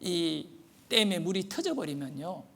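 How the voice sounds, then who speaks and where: A pastor preaches a sermon, telling a story with lively animation. His voice sits high and has a gravelly edge, and his pitch swings widely. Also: a little slow.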